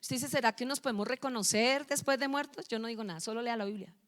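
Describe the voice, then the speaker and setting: A woman's voice: a little high, quick pace, a bit bright. A middle-aged woman pastor, preaching a sermon and firing questions at the congregation, scolding them at times. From Colombia.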